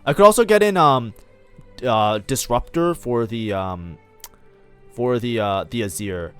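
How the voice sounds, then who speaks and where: A man's voice: medium pitch, animated, a little slow, fairly bright tone, clean tone, faint music behind. A man casually commenting on his own strategy game match as a streamer, talking in a loose, chatty way full of fillers. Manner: chatty, lots of fillers like "like, you know".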